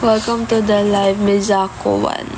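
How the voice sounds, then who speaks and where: A woman's voice: mid-range voice, flat delivery, unhurried, noisy background. A young woman chatting casually on a phone livestream, greeting viewers by name and mixing in English. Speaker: idol livestreamer. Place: home, early morning.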